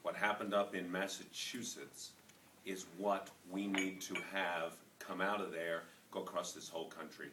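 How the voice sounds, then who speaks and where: A man, a county party chairman giving a fervent campaign speech that builds to loud, emphatic peaks. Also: sits low, flat delivery, normal speed, recorded from a distance. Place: large room at a public forum. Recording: echoey hall, picked up from afar, faint noise.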